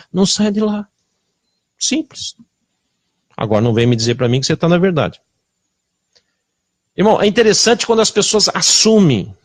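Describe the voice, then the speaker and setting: A man preaching a sermon with a Brazilian Portuguese accent, confrontational and full of rhetorical questions, swinging between loud bursts and hushed asides. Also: mid-range voice, no room sound.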